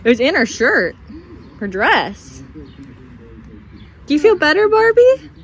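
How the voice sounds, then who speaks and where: A young woman, a parent, unboxing toys with a toddler outdoors, talking in an animated, encouraging way with frequent gasps. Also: sits high, takes it slowly, muffled recording. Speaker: parent and channel host. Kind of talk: casual toy unboxing with a toddler. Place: outdoors on a gravel patio by a fence. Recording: outdoor traffic noise.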